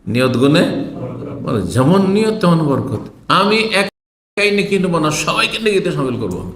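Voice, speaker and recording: A man's voice: a little high, big pitch swings, normal speed, fairly bright tone, slight background noise. A man from Bangladesh giving a religious lecture, teaching point by point and putting questions to his listeners. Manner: teaching in numbered points, asking the audience questions. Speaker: Islamic preacher. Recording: roomy echo.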